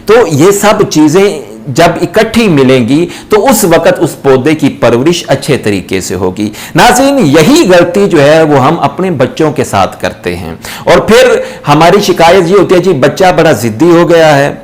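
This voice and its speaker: A man hosting his own channel, giving an earnest talk on raising children, telling a story and speaking straight to his viewers with slow, searching questions. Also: on the high side, sing-song. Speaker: channel host. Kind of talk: motivational parenting talk.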